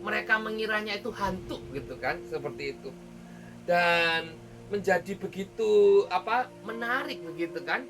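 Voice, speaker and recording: A woman's voice: mid-range voice, lively intonation, moderate pace, fairly bright tone, faint music behind. A woman with an Indonesian accent giving a devotional sermon at a morning prayer meeting, talking in a loose conversational way with many filler tags and hesitations.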